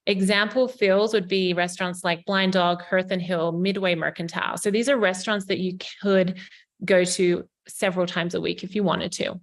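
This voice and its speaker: An Australian woman in her forties, a developer, pitches to a town council over a video call in an upbeat, informal presentation full of ums. Her voice is fairly low in pitch, steady and at normal speed as she works to sell her idea.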